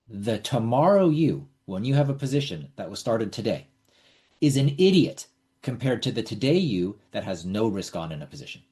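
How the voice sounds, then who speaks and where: A middle-aged man with a low, mellow voice hosts a casual online webinar through a computer mic. He speaks bluntly and loosely, repeating words and swearing now and then in a conversational delivery.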